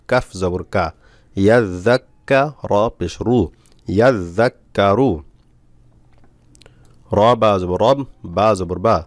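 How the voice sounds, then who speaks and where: A man teaching Quran reading, spelling out letters and syllables slowly with frequent pauses. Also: lowish voice, dry recording. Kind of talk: step-by-step spelling lesson.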